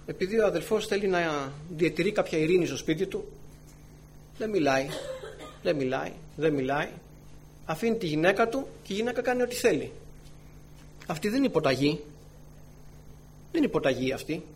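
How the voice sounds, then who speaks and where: Church elder, male, sermon delivery; earnest, slightly high voice, swings loud to hushed, faint hum underneath. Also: expressive, pauses often. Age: adult with wife and children. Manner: earnest, often calls the listeners brothers and sisters; swings between loud emphatic phrases and soft low asides.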